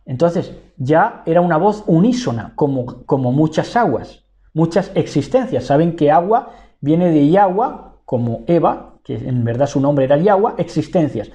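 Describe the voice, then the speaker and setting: Male preacher, bible teaching sermon; mellow timbre, rhetorical questions, repeats and rephrases his words. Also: fairly high pitch. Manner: asks rhetorical questions and answers them himself.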